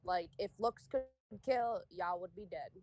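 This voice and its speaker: Woman GM, unhurried delivery, playful and profane, narrates the scene. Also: lowish voice, darkish tone, rough recording. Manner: swearing, laughs often, playful. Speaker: game master. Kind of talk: narrating a tabletop game.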